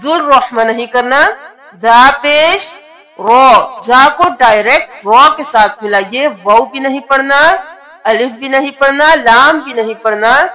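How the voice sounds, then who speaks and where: Woman recitation teacher, high-pitched and slow, spelling words out letter by letter before chanting them. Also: sharp tone. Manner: spells letters and vowel marks slowly, then chants the words.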